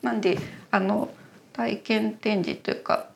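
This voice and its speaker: A woman's voice: medium pitch, fairly even intonation, a little slow, creaky, slight background noise. A woman guest in a casual interview, explaining her exhibition work in a thoughtful, hesitant way.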